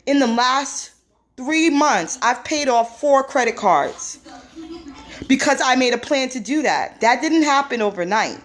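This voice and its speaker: A woman's voice: sits high, animated, unhurried. A woman hosting a casual phone live stream, telling a personal story in a talkative way with many fillers.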